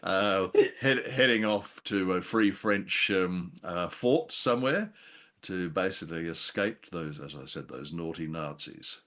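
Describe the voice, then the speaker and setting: Speaking a little slowly in a low, expressive voice that's bright and forceful, this man co-hosts a podcast. He mulls over a classic film in a casual, hesitant way, often playful and poking fun at himself.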